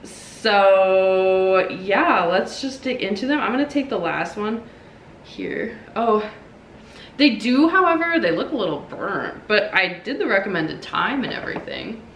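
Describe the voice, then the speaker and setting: A woman's voice: mid-range voice, animated, unhurried, a bit bright, slight background noise. A young woman vlogging while baking, talking casually and hesitantly with lots of ums and likes. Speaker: cooking vlogger. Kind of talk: casual chat. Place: home kitchen. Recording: echoey room, mic far off.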